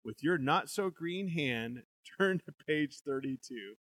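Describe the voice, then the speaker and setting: A man's voice: a little high, expressive, slow, a bit bright, no echo, clean studio sound. A young man co-hosting a show, reading a gamebook aloud with banter and frequent laughs. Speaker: podcast co-host reading a gamebook.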